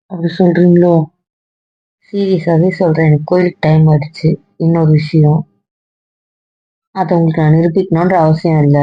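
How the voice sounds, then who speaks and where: A woman's voice: fairly low pitch, dry recording. Firm-voiced woman in a lo-fi web drama. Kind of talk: amateur web series acting.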